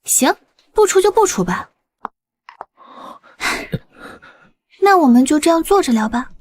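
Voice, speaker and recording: Young noble wife, scornful and coolly taunting, slightly husky, high animated delivery. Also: female voice, slow pace, full character voice. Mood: defiant. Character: sharp-tongued young princess consort, cold and mocking. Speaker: prince's wife.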